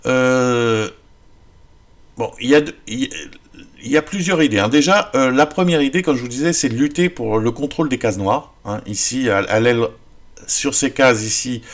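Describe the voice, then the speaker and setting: Man, casual chess tutor, halting delivery with frequent fillers. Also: mid-range voice. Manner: hesitant, many fillers and restarts. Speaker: chess teacher.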